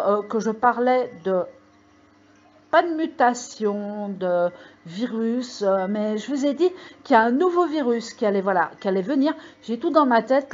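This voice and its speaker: A woman's voice: on the high side, a little mellow, dull audio. A woman hosting her own channel, talking casually to viewers into a microphone in a rambling way with lots of fillers and emphatic warnings. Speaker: video channel host. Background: computer mail alerts.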